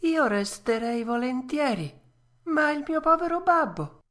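A woman voicing a wooden puppet boy, impulsive and emotional, with a high childlike voice. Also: big pitch swings, measured pace, a bit bright, full character voice. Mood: excited.

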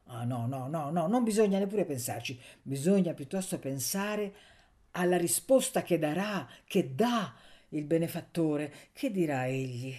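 A woman reads a classic novel aloud with a fairly low voice. Her telling is measured and expressive, shifting with the scene. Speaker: audiobook narrator. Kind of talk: scripted literary narration.

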